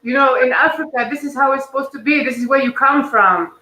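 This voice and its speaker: Guest, woman, earnest and emotional, bright voice, roomy sound. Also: high voice. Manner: earnest, emotional, talks in quick bursts. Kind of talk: casual conversation. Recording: echoey room.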